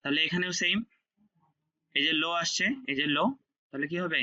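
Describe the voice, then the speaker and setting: A man with a very bright, fairly high voice teaches an online class. He explains step by step, repeating key words and checking understanding. The sound is dull and lo-fi. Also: fairly even intonation, fairly quick. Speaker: French teacher.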